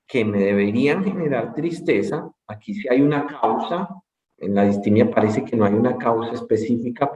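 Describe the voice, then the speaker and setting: A man giving a conference lecture, explaining calmly and repeating key points. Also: mid-range voice. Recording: roomy echo.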